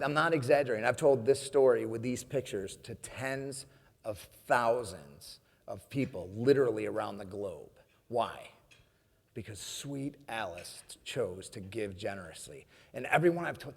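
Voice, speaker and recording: A man giving a humorous motivational speech, telling a story with frequent laughter and addressing the audience as friends. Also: medium pitch. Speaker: keynote speaker. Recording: long hall reverb.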